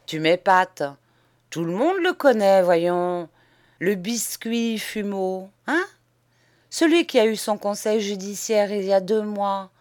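A woman's voice: medium pitch, expressive, slow pace, a little mellow. A woman voicing a cynical, spoiled young Parisian man with a drawling Paris accent, mocking and gleeful, in an audiobook. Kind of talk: audiobook character voice.

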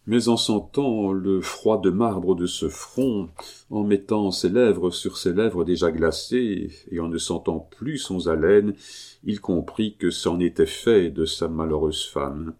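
Deep-voiced male audiobook narrator. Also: slow, a little mellow.

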